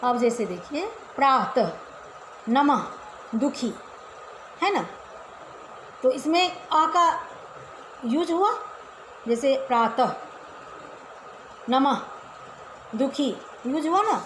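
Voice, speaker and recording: A woman's voice: sits high, sing-song, slow pace, long pauses, fairly bright tone, a little hiss or hum. A woman teacher giving a casual class to children, explaining step by step and often asking the pupils questions. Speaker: Hindi teacher. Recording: echoey room with faint ambience.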